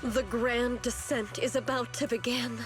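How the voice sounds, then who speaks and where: A woman's voice: fairly high pitch, steady tone, unhurried, over music. A woman voicing a fanatical, scheming villainess in a game, theatrical and condescending in her delivery. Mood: smug, mocking. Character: fanatical scheming female villain devoted to a Creator. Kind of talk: scripted video game voice acting.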